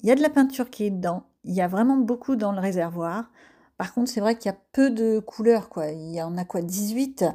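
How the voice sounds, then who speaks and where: A woman's voice: medium pitch, brisk, mellow. A woman giving a casual voice-over of her coloring session as an art vlogger. She talks in a chatty, self-mocking way, with frequent hesitant fillers.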